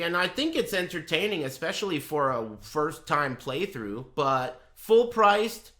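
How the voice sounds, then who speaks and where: Here a man streaming a game offers offhand, casual impressions in a slightly high, bright and forceful voice. He's profane and blunt, with a streak of dry sarcasm.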